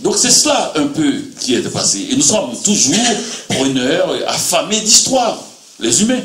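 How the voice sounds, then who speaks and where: A man from Haiti, a writer on a panel, speaking reflectively and haltingly, with many fillers. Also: fairly high pitch, sing-song, a bit bright. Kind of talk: panel discussion. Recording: roomy hall sound.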